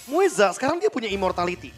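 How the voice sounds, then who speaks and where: A man's voice: high voice, sing-song, fast talker. A man with an Indonesian accent giving analytical esports caster commentary. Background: music.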